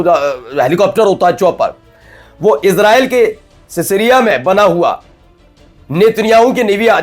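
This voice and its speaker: A man presenting news commentary in a conversational, animated way, with frequent restarts. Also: high voice.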